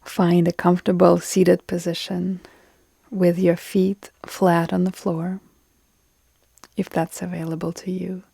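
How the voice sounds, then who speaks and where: There's no room sound as a woman talks listeners through a yoga nidra relaxation. Her low-leaning, mellow voice stays calm and soothing, with long pauses, soft breathy endings to her phrases, and a very level delivery with hardly any melody.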